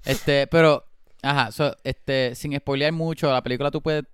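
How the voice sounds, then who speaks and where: Teasing podcast co-host. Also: male voice, mid-range voice, fairly even intonation, normal speed, fairly bright tone, slight background noise. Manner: teasing, chatty, mixes English words into Spanish. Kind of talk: casual film-review chat.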